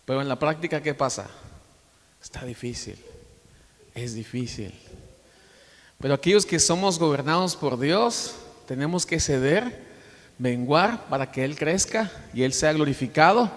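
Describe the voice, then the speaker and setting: A pastor with a fairly high voice preaches a storytelling sermon. He rises to loud, emphatic lines, then drops to soft asides. His voice carries a long reverb from the church hall. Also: animated, a little slow, pauses often. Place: church sanctuary.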